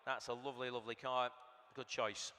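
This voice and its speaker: At a live sale in a big auction hall, a male auctioneer with a mid-range, level voice rattles off bids a little fast, sounding bright and forceful. Between bid calls he chats with the bidders, and reverb from the PA fills the recording.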